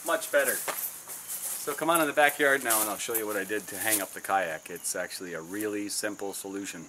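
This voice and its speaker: Casting: low-voiced Southern man, 50s, plain DIY explainer recorded outdoors with insects buzzing behind him. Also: a little fast, bright, forceful tone. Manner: plain, practical explaining while working. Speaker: DIY video host. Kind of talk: casual how-to narration. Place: outdoors in a backyard. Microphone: camera mic from a few feet away. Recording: outdoor camera audio with insect noise.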